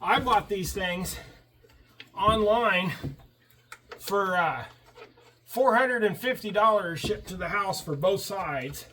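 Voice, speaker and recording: Male DIY vlogger, high pitched, unhurried, joking with a helper while working outdoors. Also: animated, bright, forceful tone, slight background noise. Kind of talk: casual running commentary while working. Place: outdoors beside a truck.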